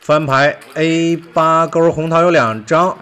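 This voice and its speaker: A man delivers slow, animated commentary over recorded poker highlights, full of rhetorical questions and exclamations. The sound is clean.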